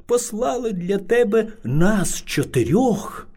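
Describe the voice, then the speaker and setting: A man voicing a small, timid but clever male hare who speaks very politely and flatters. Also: high-pitched, unhurried, heavily acted. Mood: pleading.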